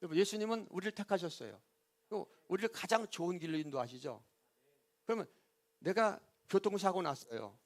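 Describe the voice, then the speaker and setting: A man's voice: high voice, animated, fairly quick. A male pastor preaching a sermon in a church, asking rhetorical questions, answering them himself and calling on the congregation for an amen. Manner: call-and-response, repeatedly asking the congregation for amen. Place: church sanctuary.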